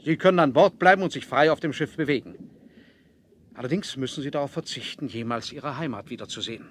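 An actor playing a proud, defiant submarine captain in a 1970s adventure radio play, speaking in a measured, formal, commanding way. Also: male voice, medium pitch, natural voice. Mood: calm, commanding. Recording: noisy 1970s vinyl audio drama.

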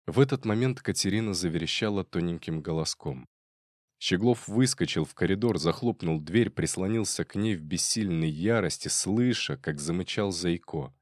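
A man narrating a crime story in a measured, dramatic reading. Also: deep voice, expressive, no room sound, studio quality. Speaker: audiobook narrator.

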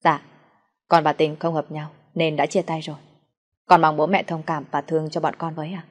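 A woman's voice: deep voice, level tone, normal speed. A woman reading a polite, pleading young man.

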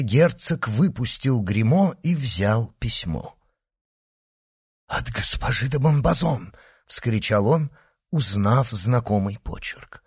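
A man narrating an audiobook with a lively, expressive delivery. His pitch rises and falls widely through each sentence, and the recording is dry and close, with no room sound. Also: breathy edge, no echo. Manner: expressive, lively reading with acted dialogue. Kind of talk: scripted narration of a classic novel.

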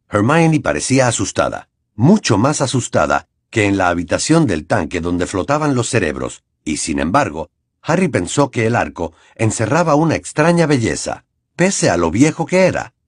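A man narrating an audiobook in an expressive, dramatic reading. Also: on the low side, moderate pace, no echo. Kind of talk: scripted narration.

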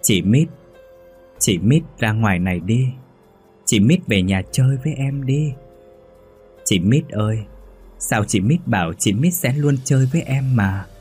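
A man's voice: mid-range voice, animated, unhurried, pauses often, a little mellow, slightly rough, soft background music. A man voicing a vengeful, hungry ghost girl in a sing-song, wheedling child voice, reading a horror story. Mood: wheedling eerie.

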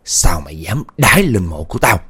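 A man voicing a menacing ghost of a dead man who speaks in a low growl. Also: very animated, brisk, sharp tone, slightly rough, exaggerated voice.

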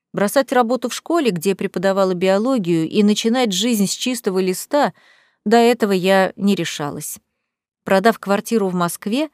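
Calm woman narrating an audiobook. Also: medium pitch, dry recording, studio quality. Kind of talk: first-person audiobook narration.

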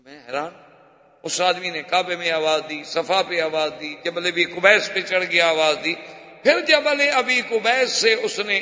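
A male preacher with a high, bright, forceful voice tells a story in a sermon. He acts out the cries and dialogue dramatically, and his voice rings with a long reverb in a hall. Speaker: Islamic preacher.

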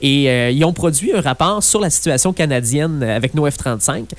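A man's voice: on the high side, brisk, no room sound. Chatty Québécois man on talk radio. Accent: Québécois French. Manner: chatty, animated storytelling with frequent fillers. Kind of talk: casual political talk radio chat.

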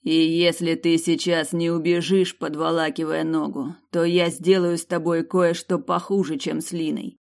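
A woman's voice: deep voice, flat delivery, moderate pace, gravelly, hardly any pauses, a little mellow. A woman voicing a cold, menacing male mercenary in an audiobook, with clipped speech. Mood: threatening. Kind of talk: audiobook character reading.

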